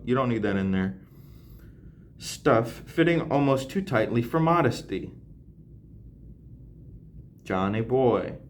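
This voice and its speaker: A young man, the channel's host, reads a classic novel aloud on camera in a mid-range voice, frequently laughing and breaking off for slangy, joking asides. A little hiss or hum is audible.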